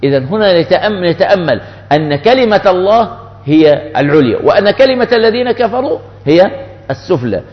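A man's voice: sits high, very animated, fairly quick. Guy explaining verses in a lesson, asks questions then answers them, dull recording with long echo. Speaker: religious teacher. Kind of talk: Quranic exegesis lesson. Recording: muffled with long hall reverb.

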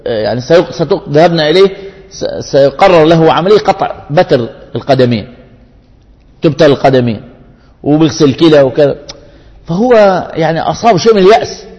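A man delivers an earnest sermon, pressing his listeners with rhetorical questions and illustrating each point with a story. His voice sits a little high for a man, and it rings out in a long hall reverb. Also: animated, fairly quick, long pauses, darkish tone, highs cut off. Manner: earnest, addresses the congregation with rhetorical questions and anecdotes. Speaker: preacher.

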